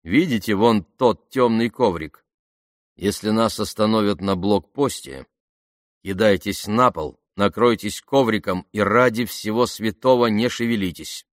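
A man voicing a calm aristocratic male commando who gives firm instructions. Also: on the low side, a little slow, dry recording, clean studio sound, close to an everyday voice.

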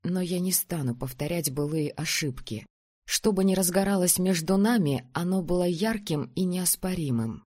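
A narrator reading a first-person novel aloud in a calm, steady storytelling manner. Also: medium pitch, normal speed. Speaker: audiobook narrator.

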